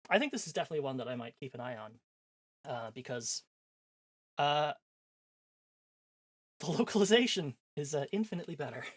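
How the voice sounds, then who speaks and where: With background music running, a male game streamer rambles self-deprecatingly in casual livestream chat while reading a visual novel aloud. He talks fairly quickly in a slightly high voice with lively intonation and frequent pauses.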